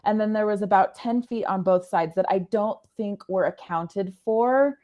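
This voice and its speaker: A woman's voice: medium pitch, mellow. A woman, a podcast guest, telling a personal story in earnest, often stopping to find the right words. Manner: earnest, halting, often stops to rephrase.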